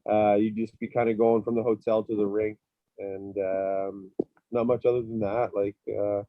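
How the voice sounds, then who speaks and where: A man's voice: on the low side, little pitch movement, moderate pace, dry recording, highs cut off. A man who plays professional hockey, answering interview questions in a casual, rambling, laid-back way. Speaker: professional ice hockey player being interviewed.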